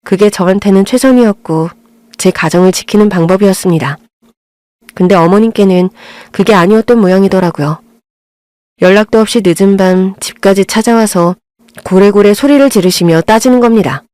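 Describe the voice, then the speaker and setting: A woman's voice: mid-range voice, fairly quick, mellow, dry recording. Earnest woman narrating a family drama. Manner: earnest, confessional. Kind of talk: first-person audio drama narration.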